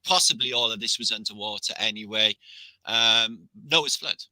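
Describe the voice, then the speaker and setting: A man's voice: fairly low pitch, normal speed, pushed and bright, no room sound, poor audio. A middle-aged man with a British accent, a guest on a live-stream conversation, explaining his theories at length in a rambling, conspiratorial way over a video call. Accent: British English. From Britain.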